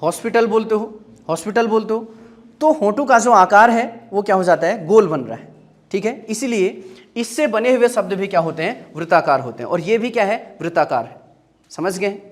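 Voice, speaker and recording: High-voiced man drilling a grammar lesson. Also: expressive, moderate pace. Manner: drills by asking and answering his own questions; repeats key terms, checks understanding often. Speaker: Hindi teacher.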